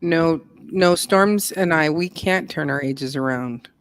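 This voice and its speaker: A woman's voice: deep voice, slow. A woman in her fifties on a livestream, chatting easily and laughing a lot. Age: 50s. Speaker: co-streamer. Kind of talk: casual chat. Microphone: video call.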